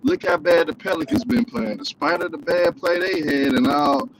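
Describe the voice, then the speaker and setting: A man's voice: on the high side, moderate pace. A man arguing combatively in a heated sports debate, calling in from a car while his mic crackles with feedback. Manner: combative, needling. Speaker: call-in debater.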